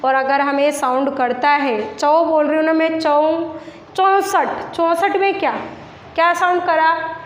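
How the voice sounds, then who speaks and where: A woman teaches a young children's class in a high, unhurried voice. She sounds out each letter and sound one at a time. Her voice rings with echo and a long reverb tail in the room. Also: steady tone, a little hiss or hum. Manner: slow and deliberate, spells out sounds and letters one by one. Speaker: primary school teacher. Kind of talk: classroom lesson.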